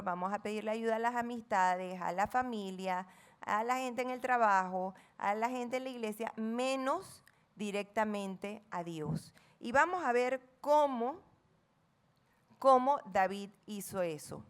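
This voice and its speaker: A woman's voice: fairly high pitch, a bit bright. A middle-aged woman with a Panamanian accent preaching a sermon, reading scripture dramatically and asking the congregation questions. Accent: Panamanian Spanish. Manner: playful asides acting out friends' chatter.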